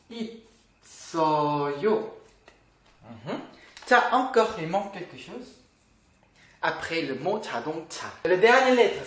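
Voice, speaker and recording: Slow, patient language teacher. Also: mid-range voice, a bit bright, echoey room. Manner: patient, asks the viewer questions. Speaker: Korean teacher. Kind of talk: language lesson.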